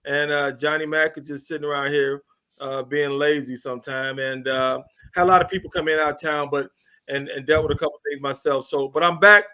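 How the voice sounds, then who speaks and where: A man's voice: fairly high pitch, steady tone, brisk, sharp tone, clear, resonant tone. A man hosting a casual sports talk show from a cafe studio, loose and joking as he steers the chat. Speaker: podcast host.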